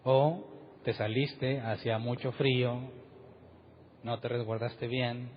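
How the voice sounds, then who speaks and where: A man preaches in a relaxed, conversational way, often turning to his listeners with questions. His voice sits at an ordinary pitch for a man. It carries a long echo from a church hall, with a slightly muffled tone and a faint hiss underneath. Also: takes it slowly. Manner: asks the congregation rhetorical questions. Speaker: pastor. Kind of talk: conversational sermon. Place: church meeting room.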